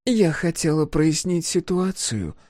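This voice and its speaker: A man voicing a proud older woman scientist who speaks haltingly. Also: low voice, lively intonation, dark tone, dry recording, studio quality, pitched above the performer's own voice. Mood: defensive. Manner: halting, hesitant, apologetic.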